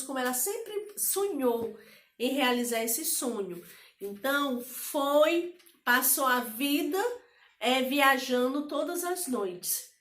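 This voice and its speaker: Slow, patient Brazilian teacher woman. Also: high voice, fairly bright tone, echoey room, far from the mic. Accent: Brazilian Portuguese. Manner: slow, patient, spells words out syllable by syllable. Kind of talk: children's lesson.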